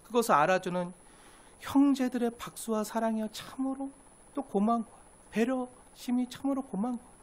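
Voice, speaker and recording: High-voiced earnest preacher. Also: male voice, a little fast. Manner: earnest, swings between raised emphatic lines and hushed low asides; acts out quoted complaints in a sharper, pushier voice. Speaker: pastor. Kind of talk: sermon.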